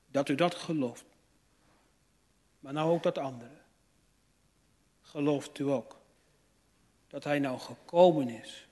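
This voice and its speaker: A man preaching a sermon, slow and emphatic, with rising fervent appeals and searching questions to his hearers. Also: high voice. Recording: church hall with long reverb.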